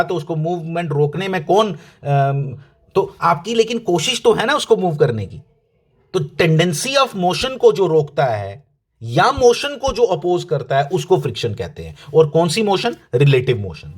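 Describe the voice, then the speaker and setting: A male teacher with a slightly high voice, explaining a lesson to his students. He talks casually and directly, keeps repeating key points, and asks questions that he answers himself. His speech is full of English terms. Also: a little mellow. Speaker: physics teacher.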